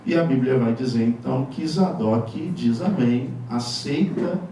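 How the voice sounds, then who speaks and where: A man's voice: mid-range voice, a little slow, warm tone, slight background noise. A male pastor from Brazil preaching a sermon in a conversational way, with wry asides and chuckles, in a church. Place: church sanctuary. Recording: echoey church hall from far off.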